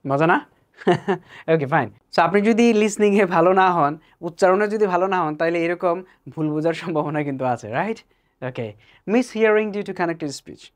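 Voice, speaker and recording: A teacher with a Bangladeshi accent who gives a spoken English lesson, reads the English examples slowly and mixes English words into Bangla with playful asides. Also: medium pitch, animated.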